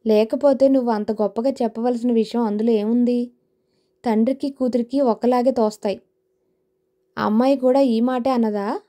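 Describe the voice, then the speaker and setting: A woman's voice: fairly high pitch, fairly even intonation, moderate pace, mellow, close to an everyday voice. A woman voicing a teasing, good-humoured middle-aged father with a wry, joking manner.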